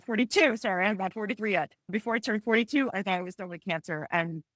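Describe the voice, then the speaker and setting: A woman in her forties sharing a personal story on a panel, tearful and halting, with frequent restarts and apologies. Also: medium pitch, a bit bright, dry recording, clean studio sound. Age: 40s. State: tearful, close to crying. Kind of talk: emotional personal testimony on a panel.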